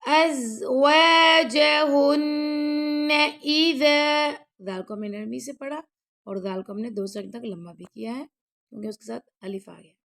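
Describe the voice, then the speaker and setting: A woman teaching Quran recitation rules, who chants each verse slowly and loudly and then explains quickly and softly, often checking that the learner follows. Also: medium pitch, gravelly. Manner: checks in with the listener after each rule.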